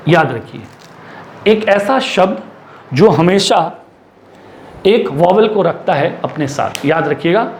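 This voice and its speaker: High-voiced man teaching in an echoey room. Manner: repeats and dictates slowly while writing; asks the class questions and answers them himself. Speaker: English teacher. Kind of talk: classroom lesson, Hindi with English. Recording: echoey room with faint ambient noise.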